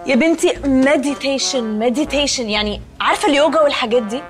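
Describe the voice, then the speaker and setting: A woman's voice: sits high, fast, soft background music, natural voice. An actress with an Egyptian accent playing a spoiled, prim rich young woman who sprinkles English words into her speech. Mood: earnest. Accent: Egyptian Arabic. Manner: snippy and prim. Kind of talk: TV comedy series acting.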